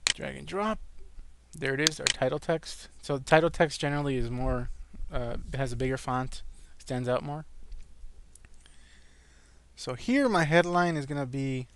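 A man's voice: mid-range voice, unhurried, fairly bright tone, a little hiss or hum. A man presenting an informal screencast tutorial, slightly wheezy and breathing a little hard as he talks through each step. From California, where he lives. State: breathing a little hard after an asthma attack. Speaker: online marketing tutorial presenter.

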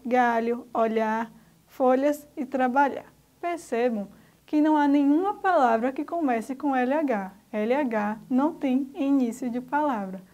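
A Brazilian woman with a high voice teaches a recorded lesson for young pupils. She goes patiently through each example, step by step. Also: darkish tone. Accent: Brazilian Portuguese. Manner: patient, explaining step by step to children. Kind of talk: recorded remote school lesson.

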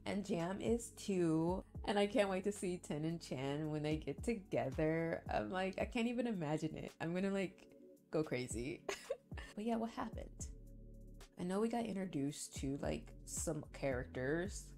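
Sounding stuffy-nosed and congested from the flu, a young adult reaction channel host talks casually to her viewers in a small bedroom indoors. Her voice is on the low side, expressive and darkish, moving at a measured pace. Soft background music is audible.

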